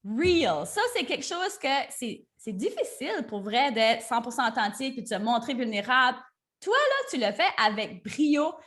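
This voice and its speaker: A woman's voice: fairly high pitch, sing-song, moderate pace, a bit bright. A woman hosting a podcast, chatty and enthusiastic, mixing in English words. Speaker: podcast host. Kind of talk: casual interview chat.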